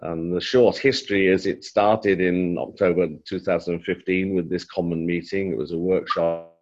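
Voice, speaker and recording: A very deep-voiced man gives a webinar talk over a video call, his audio choppy and cutting in and out. The sound is dull and lo-fi, as if he is a little away from the mic. He talks haltingly, stopping and restarting. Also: flat delivery, a little mellow. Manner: halting, with many fillers and restarts. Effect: choppy internet audio cutting in and out. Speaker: webinar presenter. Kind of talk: presenting slides in a webinar.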